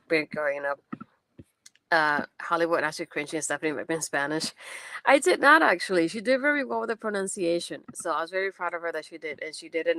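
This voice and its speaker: Chatty and enthusiastic, a young non-native English speaker recaps a wrestling event in a casual post-show format, using plenty of fillers. Her voice is low-pitched and a bit bright, with no echo.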